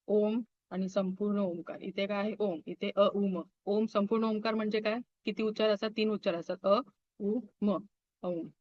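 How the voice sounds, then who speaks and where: A woman's voice: mid-range voice, no room sound. A woman teaching a Reiki class over a video call, often checking in with her students and slipping English phrases into her speech. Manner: asks the class quick check-in questions. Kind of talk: online class lecture. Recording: dull, dry video-call audio.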